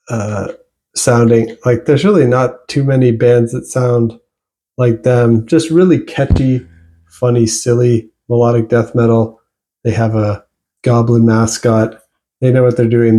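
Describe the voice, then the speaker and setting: A man reviewing new albums in a relaxed, rambling way, often pausing and restarting his sentences. His voice is dark and mellow. He delivers it all in a flat, even tone with little rise and fall. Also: medium pitch. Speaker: music reviewer. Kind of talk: casual album review vlog.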